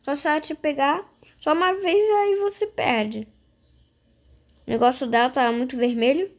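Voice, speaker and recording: High-voiced female game streamer. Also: normal speed. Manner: repetitive, addresses viewers directly. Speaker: gaming video host. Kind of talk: casual game commentary.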